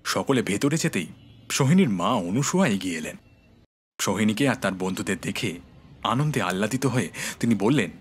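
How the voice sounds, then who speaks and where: A man narrating a horror audio story in a measured, expressive way. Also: fairly low pitch, husky.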